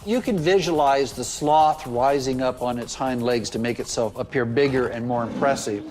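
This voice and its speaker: Man, mid-pitched, conversational expert interview, loose descriptive phrasing, noticeable music behind. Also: normal speed, a little mellow. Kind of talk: unscripted documentary interview commentary. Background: music under the voice.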